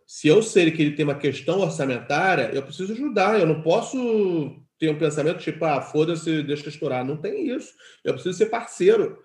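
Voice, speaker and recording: Fast-talking Brazilian film director, roomy sound. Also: male voice, fairly high pitch. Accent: Brazilian Portuguese. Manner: animated storytelling, acts out quoted dialogue. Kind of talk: conversational interview.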